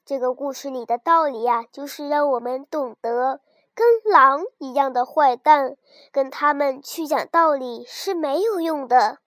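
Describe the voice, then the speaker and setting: A woman storyteller reading a bedtime story to small children in a soft, gentle way. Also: high voice, unhurried, no room sound.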